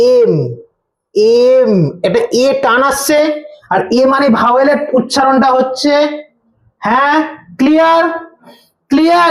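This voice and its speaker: A woman's voice: sits high, echoey room. A woman tutoring a grammar lesson in a casual way, who keeps asking and answering her own questions and repeats the key answers.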